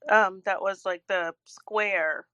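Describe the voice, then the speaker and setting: A woman giving a measured, hesitant account of a meeting in a casual online audio-room discussion. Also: medium pitch, steady tone, pushed and bright, clean tone, lo-fi sound. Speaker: patient advocate and organizer.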